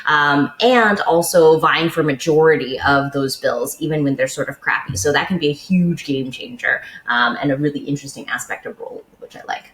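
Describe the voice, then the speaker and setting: A woman's voice: low voice, moderate pace, few pauses, fairly bright tone, reverberant. A woman co-hosting a podcast, chatting casually and explaining game rules step by step. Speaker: podcast co-host. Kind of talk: casual board game chat.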